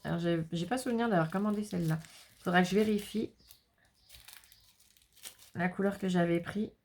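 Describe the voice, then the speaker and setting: Chatty woman with a gravelly voice. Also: fairly low pitch, moderate pace, darkish tone. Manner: chatty, rambling, self-mocking asides. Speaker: crafts vlogger. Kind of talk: casual haul video.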